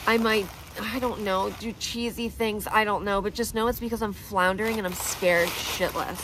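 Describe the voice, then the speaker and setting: A vlogger in her thirties talks at a moderate pace in a steady, mid-range voice, with background noise behind her. Her emotional personal vlog rambles as she puts herself down, laughs nervously, and comes close to tears.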